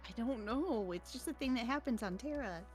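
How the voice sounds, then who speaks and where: A woman's voice: on the high side, expressive, fairly quick, faint music behind. A woman playing in a tabletop game, talking in a playful, joking way. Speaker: player. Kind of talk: casual tabletop game play.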